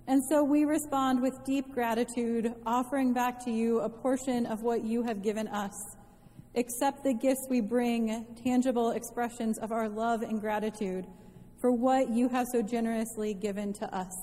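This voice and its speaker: A woman leading prayer and the invitation to the table in a slow, measured, reverent way, her voice ringing with a cathedral echo. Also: fairly high pitch, fairly even intonation, dark tone. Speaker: worship leader. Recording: long church reverb.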